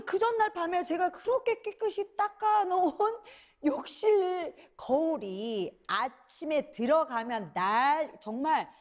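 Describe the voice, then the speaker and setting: High, lively woman giving a talk. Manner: lively storytelling, acts out her own past complaints. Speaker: lecturer. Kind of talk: inspirational talk to a studio audience.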